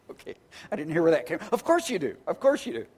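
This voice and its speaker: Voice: medium pitch, sing-song, fairly quick, darkish tone, husky. A pastor preaching a sermon in a conversational, earnest way, often restarting words and stacking phrases into lists.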